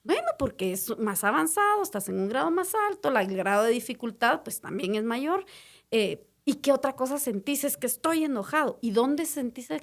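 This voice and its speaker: A woman's voice: a little high, animated, moderate pace. A woman, a mother and podcast co-host, explaining at length with tag questions and restarts. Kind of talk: casual podcast chat.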